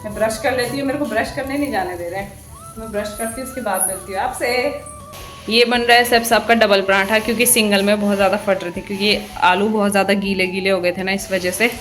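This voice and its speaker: Woman, mid-pitch, chatty teasing home vlog, laughs often, echoey room, music behind. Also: fairly even intonation, quick pace, a bit bright. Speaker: vlogger. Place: home kitchen and indoors.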